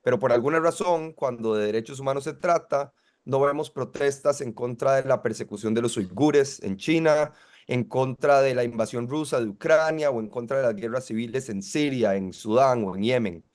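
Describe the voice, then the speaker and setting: A young man from Rica speaks. He answers interview questions as an activist guest. His delivery is measured and articulate, with a mid-pitched voice. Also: a little mellow. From Costa Rica. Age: 20s. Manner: articulate, measured, argues point by point.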